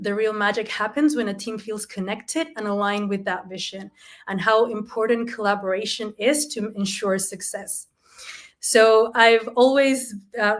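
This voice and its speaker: A woman's voice: mid-range voice, a bit bright. Female panelist from Chile, earnest and thoughtful. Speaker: design leader, panel guest. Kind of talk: panel discussion.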